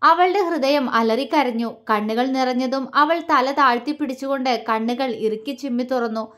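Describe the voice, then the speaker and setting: High-voiced woman narrating a love story. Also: moderate pace, a bit bright. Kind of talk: scripted romantic story narration.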